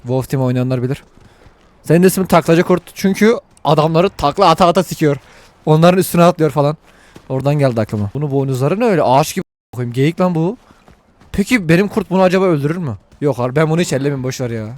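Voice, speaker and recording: A man narrating his gameplay to viewers with a high, bouncy voice that swings widely up and down. He is excitable, jokes crudely and swears often as he reacts to the game. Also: fast talker. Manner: talks to viewers while playing. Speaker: gaming video host. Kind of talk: let's play commentary.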